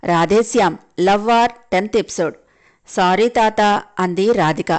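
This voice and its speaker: A woman's voice: mid-range voice, unhurried. A woman with a Telugu accent, narrating a family drama as a storyteller and lightly voicing each character in turn. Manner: voices each character lightly in quoted lines. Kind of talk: scripted audio story narration.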